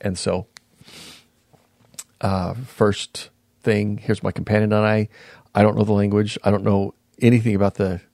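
A man in his fifties, a podcast guest, reflectively recounting his past in a casual interview, pausing and restarting sentences. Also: on the low side, level tone, creaky, a little mellow, no room sound, studio quality. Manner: reflective, unhurried, often pauses and restarts mid-sentence.

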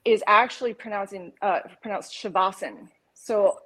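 A woman yoga instructor explaining poses in an unhurried podcast chat, with many pauses and fillers. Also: medium pitch, low-quality recording. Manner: unhurried, many ums and uhs, explains pose names carefully. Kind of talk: podcast conversation.

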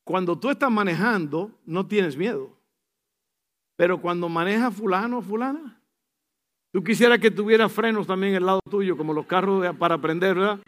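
A male pastor delivers a sermon in a fairly high voice. He acts out small scenes and swings between hushed, slowed-down asides and loud, lively bursts, now and then slipping in an English phrase. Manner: animated, acts out scenes with sudden shifts between soft and loud.

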